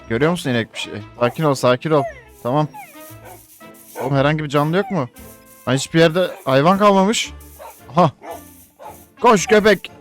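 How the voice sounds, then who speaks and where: A young man with a Turkish accent giving excitable Minecraft let's play commentary, often jumping up in pitch as he shouts at his dog. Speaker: gaming YouTuber. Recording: faint game music behind.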